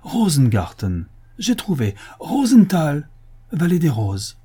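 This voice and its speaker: A man voicing a pompous, quick-tempered official with a booming, scornful manner. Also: expressive, mellow, husky. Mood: gushing.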